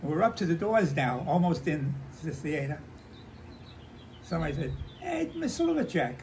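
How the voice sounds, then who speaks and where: An American man in his nineties, an old veteran remembering the past in halting, conversational stories, repeating himself and acting out remembered dialogue. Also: on the high side, animated, darkish tone. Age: 90s. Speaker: war veteran interviewee. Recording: noisy handheld home recording.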